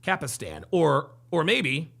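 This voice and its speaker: A man's voice: on the high side, very animated, slow, creaky, sharp tone, a little hiss or hum. A man hosting a live-stream reaction show, reading chat messages aloud and joking.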